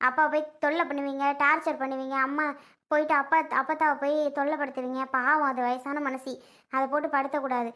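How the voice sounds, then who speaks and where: A woman playing a bossy, fast-talking aunt. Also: high voice, flat delivery, fairly bright tone. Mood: persuasive. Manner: scolding and persuasive, rapid and insistent. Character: bossy middle-aged aunt scolding a young father. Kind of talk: family skit acting.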